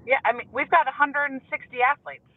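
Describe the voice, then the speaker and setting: A woman's voice: sits high, fast talker. A woman calling in to a casual chat as a gym owner, her voice muffled and boxy as if talking inside a box, blunt and matter-of-fact. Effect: muffled, boxy sound, as if talking inside a box. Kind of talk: casual podcast chat by phone. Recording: tinny, muffled phone line.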